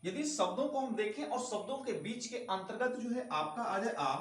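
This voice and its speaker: A male teacher with a high voice talks through a grammar lesson in a clearly echoing room. He stands off from the mic, so he sounds distant. He goes step by step, repeats the key sounds and keeps asking rhetorical questions. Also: animated, moderate pace, a bit bright.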